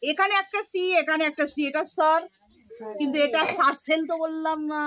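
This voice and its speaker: A woman teaching a phonics lesson to a class of children, her voice pitched very high. She keeps firing questions and repeating her prompts. A chattering crowd of children is clearly heard behind her. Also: moderate pace.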